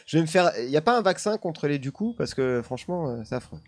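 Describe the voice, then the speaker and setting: A man's voice: on the high side, lively intonation, brisk, a little mellow, dry recording. A man streaming live, casually telling a paranormal story while chatting with his viewers, laughing often and leaning on the same filler words.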